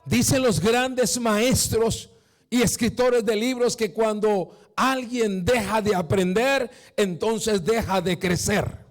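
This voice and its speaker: High-pitched guy pastor preaching, keeps saying verdad and mi hermano, gets loud. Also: takes it slowly. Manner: emphatic, peppered with "¿verdad?" and "mi hermano"; builds to shouted preaching. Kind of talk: sermon.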